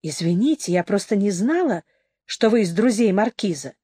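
A woman's voice: mid-range voice, expressive, moderate pace, dark tone, breathy edge, dry recording, clean studio sound. A woman reading a curious young sleuth. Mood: polite, curious. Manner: polite, probing questions. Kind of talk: audiobook reading.

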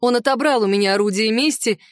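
A woman reading a first-person fantasy novel aloud, expressive and wry, with sarcastic asides. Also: on the high side, quick pace, no room sound, studio quality. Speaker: audiobook narrator.

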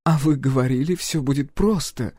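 A man's voice: on the high side, lively intonation, normal speed, mellow, no echo, studio quality, pitched above the performer's own voice, lightly acted. Man voicing a commanding imperious empress. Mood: coolly insistent. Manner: insistent, commanding, coolly polite. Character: proud imperious empress, middle-aged woman.

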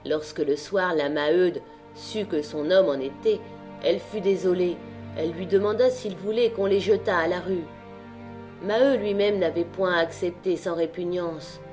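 Low mellow woman reading a novel. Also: normal speed, faint music behind. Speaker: audiobook reader. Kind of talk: literary audiobook narration.

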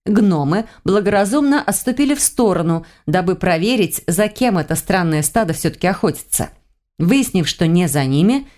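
A woman reading a first-person fantasy audiobook in a lively, expressive storytelling manner. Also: mid-range voice. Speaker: audiobook reader. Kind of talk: scripted first-person narration.

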